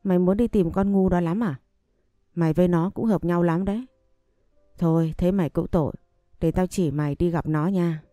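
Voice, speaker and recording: A vicious, sneering woman from an audio story, put on by a female narrator who spits contempt at her victim. Her voice sits low and dark, read close to the mic in a dry space. Faint music plays under her. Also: moderate pace, no echo, lightly acted. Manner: taunting, contemptuous.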